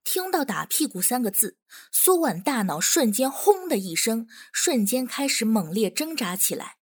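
Husky-voiced woman narrating a drama. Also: fairly high pitch, normal speed. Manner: expressive storytelling.

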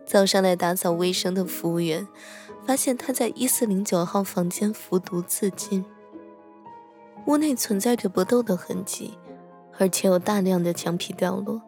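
A woman playing a gentle, teasing young hotel attendant who tells a slow, hushed ghost story to a horror writer in an audio drama, with soft music behind her. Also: medium pitch, natural voice. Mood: eerie. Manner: gentle, teasing, slows and hushes for eerie moments.

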